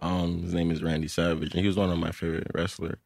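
Deep husky young man, laid-back. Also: level tone, fast, darkish tone, no echo. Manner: laid-back slangy storytelling. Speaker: podcast guest. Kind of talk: casual chat.

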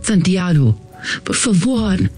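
A panicked young captive in an audio drama, begging in a desperate, shaky voice that leaps up and down in pitch. faint music sits under her pleas. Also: sing-song, slow, a little mellow, husky, exaggerated voice. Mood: pleading. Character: terrified young woman bound, begging for mercy.

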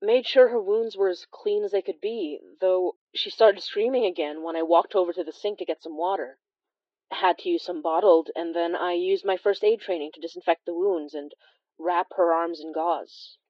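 With a fairly low, steady voice that sounds natural, a woman takes the role of a wry, observant immigrant healer narrating a horror audio drama, confiding and measured with dramatic pauses. The audio is dull and lacks room sound, and the mood is grave and tense.

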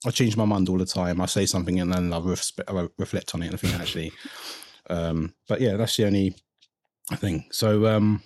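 A man's voice: deep voice, fairly even intonation, a little fast, a little mellow, no room sound, studio quality. A man co-hosting a podcast, talking casually and chewing pizza while he speaks, sometimes swearing. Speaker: podcast co-host. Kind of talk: casual chat.

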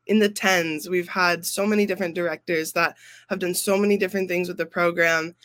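A man's voice: sits high, sharp tone, dry recording. A young man, a graduating student council member, talking casually on a podcast, emotional and effusive.

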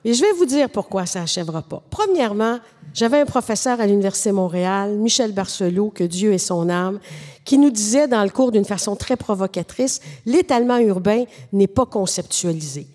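A middle-aged woman with a Québécois French accent, explaining urban planning in a measured, professorial way as a podcast guest. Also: medium pitch, lively intonation, darkish tone, big-room sound. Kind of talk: podcast conversation.

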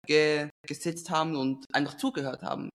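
A young man interviewing in a casual chat, asking halting questions. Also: fairly high pitch, fairly even intonation, fairly bright tone. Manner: hesitant questions with many fillers and restarts.

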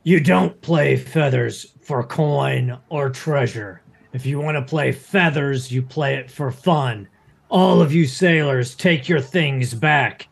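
A man voicing a stern, gruff trainer with a gravelly, husky voice in a tabletop game. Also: mid-range voice, slow, heavily acted.

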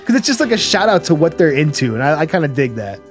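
A man's voice: on the high side, big pitch swings, quick pace, faint music behind. A man with a Buffalo, upstate New York accent, chatting casually and enthusiastically as a podcast co-host, with plenty of swearing and slang. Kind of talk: casual chat about horror movies.

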